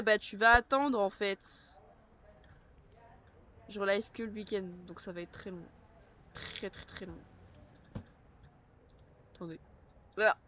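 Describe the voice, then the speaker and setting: A woman with a medium-pitched voice streams a game live, chatting casually with her viewers and breaking into playful bursts of panic. There is slight background noise.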